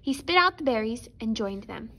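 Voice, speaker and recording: A woman's voice: fairly high pitch, expressive, normal speed, creaky, pushed and bright. A woman storyteller narrating a children's picture book expressively for preschoolers.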